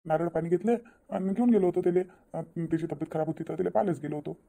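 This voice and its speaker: A man voicing a fast-talking sly cheating husband. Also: fairly high pitch, fairly even intonation, gravelly, warm tone. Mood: evasive. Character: sly cheating husband, caught between wife and lover. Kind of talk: cartoon voice acting.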